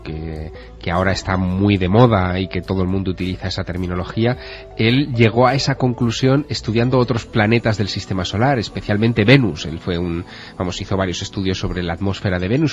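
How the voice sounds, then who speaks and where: A man with a deep voice explains emphatically as a radio panelist. The broadcast is dull, with faint music beneath it. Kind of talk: radio talk show.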